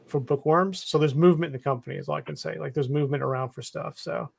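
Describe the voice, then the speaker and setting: A man's voice: on the high side, fairly even intonation, fast talker, creaky, slightly rough. A man chatting in an offhand, agreeable way as a guest on a live stream. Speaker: guest collector. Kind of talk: casual chat.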